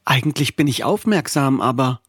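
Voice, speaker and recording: A man narrating a story in a steady, expressive reading voice. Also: medium pitch, normal speed, breathy edge, dry recording, studio quality. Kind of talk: audiobook storytelling.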